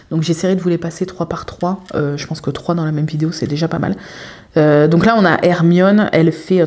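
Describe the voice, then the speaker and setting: A young woman chatting casually as a craft vlogger, showing her collection with many filler pauses. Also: fairly low pitch, mellow. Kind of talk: casual show-and-tell chat.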